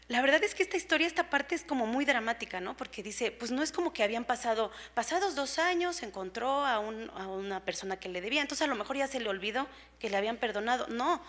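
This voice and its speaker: An earnest woman preacher, her voice a little high, walks a congregation through scripture in a church sermon. She explains patiently, asks rhetorical questions and pads her speech with conversational fillers. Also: expressive, fast, hardly any pauses, a bit bright.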